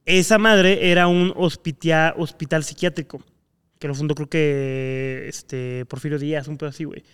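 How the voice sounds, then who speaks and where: A young man with a Mexican accent hosting a podcast, asking questions and talking in a relaxed, slangy way. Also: a little high, moderate pace, smooth, long reverb tail. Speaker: podcast host. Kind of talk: casual chat.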